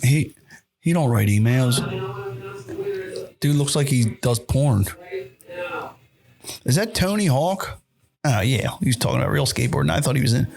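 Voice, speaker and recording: A young man hosting a podcast, reacting to videos in a loose, excitable, profanity-heavy way and laughing often into his podcast mic. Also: mid-range voice, normal speed, gravelly, long pauses, a crowd in the background. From United States. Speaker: podcast host. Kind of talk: casual reaction commentary.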